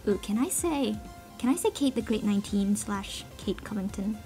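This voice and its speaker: An amateur cover singer answers a voice meme, chatting casually and ramblingly to online listeners in a playful, giggly, self-deprecating way. Her mid-range voice is expressive and dark-toned at normal speed, with a song playing in the background.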